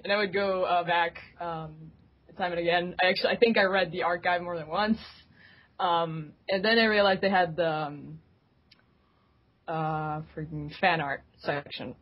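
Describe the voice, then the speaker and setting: A woman's voice: lowish voice, husky. A woman telling stories with giggles, as a guest in a casual group interview. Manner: giggly, animated storytelling. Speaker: guest, community staff member. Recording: dull lo-fi audio.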